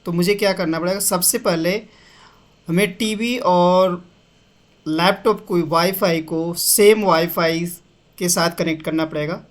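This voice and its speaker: A man's voice: high voice, steady tone, unhurried. A young man hosting a casual step-by-step tech tutorial, walking viewers through settings and dropping English terms into his explanations. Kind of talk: casual screen-share tutorial.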